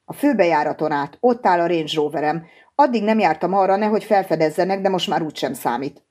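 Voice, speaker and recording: A woman's voice: lowish voice, animated, darkish tone. A woman reading an audiobook and voicing a weakened male scientist who talks in a strained, urgent way.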